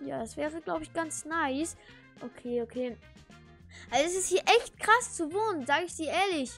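Eine Frau spielt einen aufgeregten Jungen, hell und hoch. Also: female voice, high voice, moderate pace, a bit bright, soft background music. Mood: indignant, slangy. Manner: slangy, exclamatory, pleading. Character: Snoopy, excitable, whiny thirteen-year-old boy. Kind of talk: Minecraft video role-play with asides to viewers.

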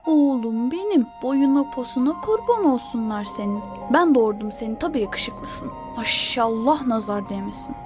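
A woman plays a scolding Turkish mother from a comedy animation. Her voice is very high, melodramatic and full of nagging guilt trips. Faint music plays behind her. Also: lively intonation, moderate pace, hardly any pauses, close to an everyday voice. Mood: doting.

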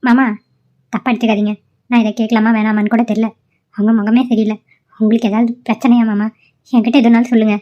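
A woman voicing a caring, frank young woman who speaks earnestly and gently scolds, in a cartoon drama. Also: a little high, level tone, quick pace, long pauses, dull audio, close to an everyday voice.

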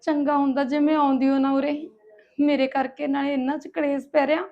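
A meek, high-voiced Punjabi sister, played by a woman, pleading and tearful with her brother. The recording is muffled and lo-fi. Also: level tone, brisk, close to an everyday voice. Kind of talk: comic family drama acting.

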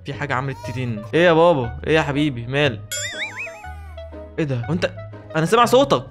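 An Egyptian Arabic-accented man narrates his own horror gameplay in a torrent of words, his voice sitting a little high. He is excitable and jokey and keeps talking back to the characters on screen, with faint music underneath. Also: fast talker. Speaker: gaming video host. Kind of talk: let's play commentary.

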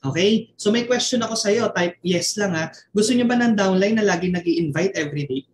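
A man's voice: high-pitched, a little fast, reverberant, a little hiss or hum. A man with a Filipino accent, a network marketing mentor giving a motivational online training, telling a story and tossing constant tag questions to his listeners.

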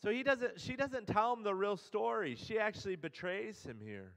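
Male pastor, high-pitched, chatty storytelling sermon, long church reverb. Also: expressive, moderate pace, creaky, a bit bright. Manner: casual storytelling, paraphrasing characters in everyday speech. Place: church sanctuary.

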